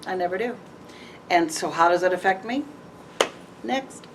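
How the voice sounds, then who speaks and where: A woman with a notably low voice tells her story candidly, with an animated lilt and easy laughs. She is caught at a distance from the mic, so her voice sounds set back in the room. A faint hiss sits beneath her words. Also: normal speed. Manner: frank and animated, laughs often. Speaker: interview guest. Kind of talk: candid conversational interview. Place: event venue with audience tables.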